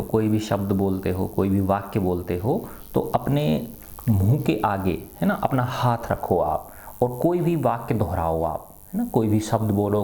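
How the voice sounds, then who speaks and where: This middle-aged man's fairly low, gravelly, somewhat dark voice carries a classroom science lesson. Posing questions only to answer them himself, he punctuates his lines with a repeated "है ना".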